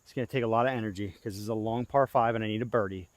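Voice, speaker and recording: A young man outdoors on a disc golf course, talking casually through his throws, excitable and often yelping at shots, winded and tired as he plays. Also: fairly low pitch, racing, no echo. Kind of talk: casual play-by-play commentary.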